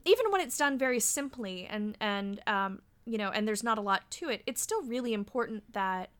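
A woman in her thirties, a podcast guest in casual chat, animated, laughing often and swearing freely. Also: a little high, moderate pace. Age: 30s.

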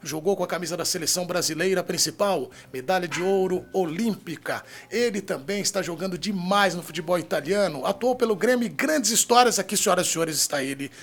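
Male Brazilian host, ringmaster showmanship, high and forceful with some gravel. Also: faint music behind. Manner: booming ringmaster-style announcer showmanship with drawn-out words. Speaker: show host. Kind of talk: theatrical show introduction. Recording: live studio with audience.

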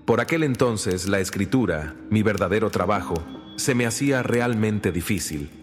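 Audio drama flashback: a man as a regretful father, slow heavy confession, very low voice, drenched in distant echo. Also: animated. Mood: remorseful. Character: remorseful father recalling his drinking past. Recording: long reverb over loud music.

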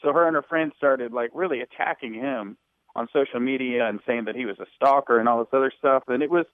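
A man phones in to a radio show and talks fast in a loose, rambling way, full of "you know" and "like". His voice comes through a thin, tinny phone line that sounds close and dry. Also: mid-range voice, dry recording. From Louisiana. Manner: rambling, relaxed storytelling with fillers. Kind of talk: casual call-in chat.

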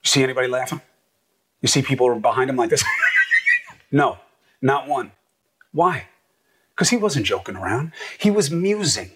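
A man's voice: medium pitch, animated, moderate pace, long pauses, fairly bright tone, slight background noise. A middle-aged man delivering emphatic, sarcastic opinion commentary as a news anchor.

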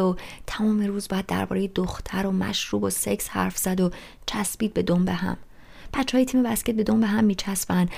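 A woman voicing a restless teenage boy who rants loudly about everything in an audiobook reading. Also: mid-range voice, vocal fry. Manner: loud, rushed, ranting complaints.

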